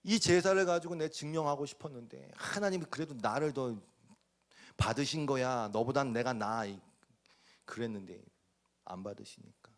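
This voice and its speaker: A man preaching a sermon as pastor, dramatic, acting out voices and swinging from loud bursts to near whispers. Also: medium pitch, normal speed.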